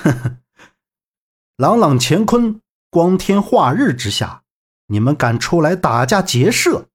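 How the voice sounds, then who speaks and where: A man's voice: fairly high pitch, big pitch swings, unhurried, breathy edge, full character voice. A man doing a cocky young swordsman. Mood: teasing.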